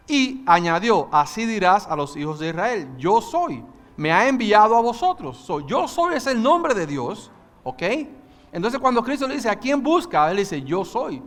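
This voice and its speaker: A man teaching a Bible study, talking fast and passionately and slipping English words into his sermon. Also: high-pitched, fairly bright tone, big-room sound. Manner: mixes English into Spanish. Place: church hall.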